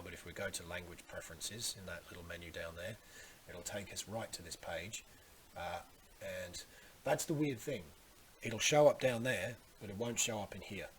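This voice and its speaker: A man giving a casual, conversational computer tutorial with some hesitation, recorded on a hissy boom microphone. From Australia. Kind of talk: casual screen tutorial narration. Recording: loud steady microphone hiss.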